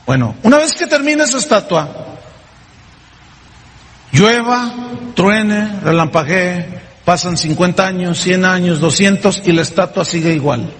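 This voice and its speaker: A man's voice: high-pitched, lively intonation, a little slow, pauses often, in a large hall, a little hiss or hum. A male pastor delivering a sermon, preaching emphatically and firing rhetorical questions at the congregation.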